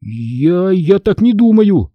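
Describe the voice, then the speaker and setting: A man's voice: high-pitched, normal speed, dry recording, muffled recording, pitched above the performer's own voice. A man voicing a nervous stammering boy. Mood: anxious. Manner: stammering, excited. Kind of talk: audiobook character voice.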